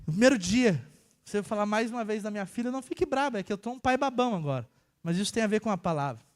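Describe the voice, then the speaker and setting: A young man from preaching a casual sermon, telling a personal story and swinging between hushed and emphatic delivery. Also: high voice. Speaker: church worker preaching.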